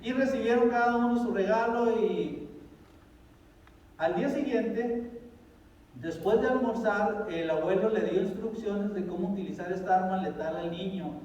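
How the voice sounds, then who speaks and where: Preacher telling a story in an echoing hall. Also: male voice, high voice, moderate pace, darkish tone. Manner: conversational, asks the audience questions. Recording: echoey hall from far off, dull sound.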